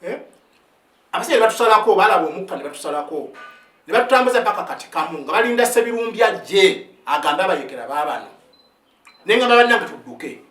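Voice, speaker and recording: High, rapid-talking soldier in his fifties. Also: lively intonation, a bit bright, distant mic. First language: Luganda. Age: 50s. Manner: keeps asking "eh?" of listeners, stumbling restarts; switches between Luganda and English phrases. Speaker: army sergeant. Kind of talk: impassioned spoken account. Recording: roomy sound, set back from the mic.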